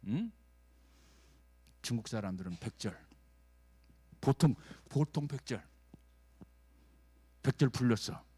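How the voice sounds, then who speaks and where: A man, a pastor preaching a sermon in a folksy manner, checking in with the congregation and swinging from loud urging to hushed lines. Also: mid-range voice, lively intonation, slow, long pauses, husky.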